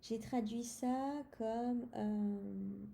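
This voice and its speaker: A woman talks through a tarot deck in a loose, chatty way, speaking straight to the viewer. Her voice has a gravelly edge and a dark, mellow tone. She hesitates often, filling gaps and restarting her sentences. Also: on the high side, steady tone, drawn-out words. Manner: hesitant, many fillers and restarts. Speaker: tarot reader presenting a deck. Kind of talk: casual spoken deck review.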